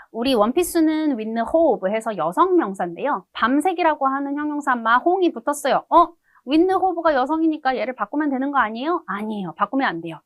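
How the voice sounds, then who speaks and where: A woman teaching an online language lesson, with a bouncy, animated pitch that rises and falls a lot. She explains patiently and answers her own questions. Her voice is close and dry, with no room echo. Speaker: French teacher.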